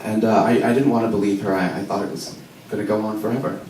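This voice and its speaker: A young man in his twenties with an American accent, doing a self-deprecating stand-up set and pausing with ums. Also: on the low side, fairly even intonation, darkish tone, recorded from a distance. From Israel. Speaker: stand-up comedian. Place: comedy club. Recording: echoey club recorded from afar, noisy.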